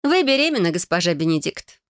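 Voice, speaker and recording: A woman voicing a red-haired female healer who speaks firmly and matter-of-factly, a little higher than her narration. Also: very animated, fairly quick, no echo, studio quality. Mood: businesslike.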